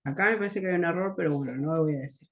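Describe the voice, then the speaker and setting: A woman with a Rioplatense Spanish accent teaching an English grammar lesson, explaining patiently, often checking in with "¿sí?" and repeating English words slowly to model their pronunciation. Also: on the low side, muffled recording.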